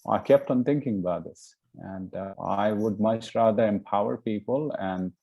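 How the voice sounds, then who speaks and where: A man's voice: on the low side, normal speed, vocal fry, lo-fi sound. A middle-aged man from India, a guest in a casual interview, talking earnestly with many fillers and "you know".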